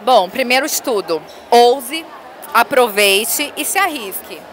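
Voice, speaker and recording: A woman's voice: fairly high pitch, expressive, takes it slowly, fairly bright tone, a faint crowd, a little hiss or hum. A woman in her thirties, a bold and teasing guest, speaking confidently into a handheld mic at a busy indoor fair. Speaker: interview guest, professional dominatrix. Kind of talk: casual on-location interview. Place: busy indoor expo hall. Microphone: interviewer's handheld mic.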